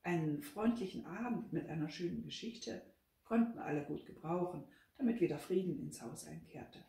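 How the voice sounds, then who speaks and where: Woman author, reading from her novel aloud, animated pitch, echoey room, heard from a distance. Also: moderate pace, vocal fry. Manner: expressive, lively reading. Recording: roomy, from a distance.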